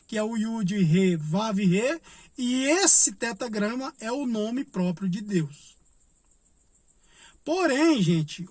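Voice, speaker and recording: A man giving an informal Bible study lesson. He explains slowly, repeats his points and asks and answers his own questions. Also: high-pitched, darkish tone, no room sound. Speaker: Bible teacher.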